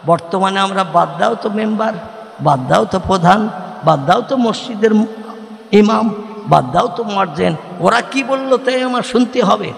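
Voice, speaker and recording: A male preacher, giving a sermon that swings between sung chanting and shouted emphasis and calls on the crowd to answer. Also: high-pitched, animated, normal speed, creaky, reverberant, in a large hall.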